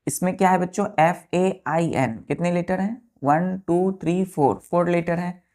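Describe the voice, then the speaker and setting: A woman's voice: on the low side, a little slow, a little mellow. A woman teaching a vocabulary lesson, addressing students as children and spelling words out letter by letter. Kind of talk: classroom lesson.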